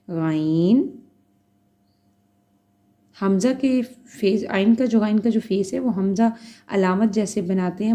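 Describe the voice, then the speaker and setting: A woman teacher takes a beginner class through its letters slowly and patiently. She names each one, then checks that the listener is following. Her voice is soft and mellow, and her pace is unhurried. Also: mid-range voice. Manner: spells out letters one by one, checks in with "theek hai". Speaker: Urdu teacher. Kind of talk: slow, patient beginner lesson.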